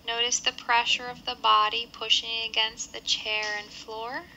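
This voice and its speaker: Guiding a body scan meditation, a woman speaks in a level, slightly high and very bright voice with vocal fry, pausing gently between simple, measured instructions. The low-quality recording carries faint background noise.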